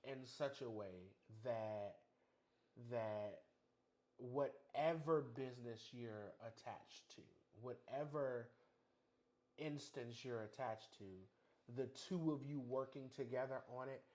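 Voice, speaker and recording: A married man co-hosting a relationship podcast in relaxed conversation, thinking aloud and often repeating words as he speaks. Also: medium pitch, slow. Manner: animated storyteller, repeats words while thinking. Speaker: podcast co-host. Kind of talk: casual chat.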